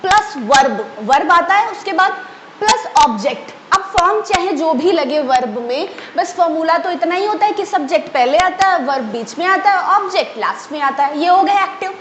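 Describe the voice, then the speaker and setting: A woman teaching English grammar in a lively way, often checking that her students follow. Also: very high voice, normal speed. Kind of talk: explaining a grammar lesson. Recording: echoey room, faint ambient noise.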